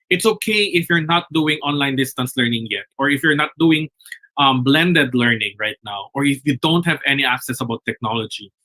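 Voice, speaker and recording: A man's voice: a little high, bright, forceful tone. A man hosting a live teacher webinar, chatty and talking straight to his audience with frequent restarts. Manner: chatty, restarts phrases, addresses teachers directly. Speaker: webinar host.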